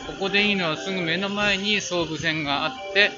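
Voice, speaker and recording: A man's voice: high-pitched, brisk. A man narrating a train trip casually as a vlogger. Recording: slightly dull audio under loud music.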